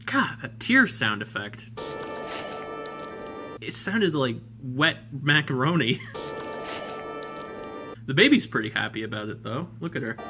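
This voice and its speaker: A man's voice: medium pitch, very animated, unhurried, pauses often, over music. A man giving a comedic review of an old cartoon, with wry, joking asides. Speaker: retro game and cartoon reviewer.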